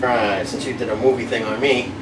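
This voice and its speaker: A man's voice: medium pitch, fairly even intonation, a little fast. A middle-aged man bantering casually in a challenge game, sweary and grumbling. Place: small curtained room indoors. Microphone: camera a few feet away. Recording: echoey room, distant mic, noisy hum.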